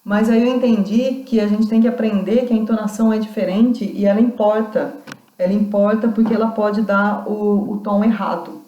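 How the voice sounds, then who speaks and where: Woman lecturer, mellow dark voice, echoey room, explanatory, frequent restarts. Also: mid-range voice, fairly even intonation, normal speed, muffled recording. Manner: explanatory, reads out quoted accounts, many restarts. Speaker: university lecturer. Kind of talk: recorded online lecture.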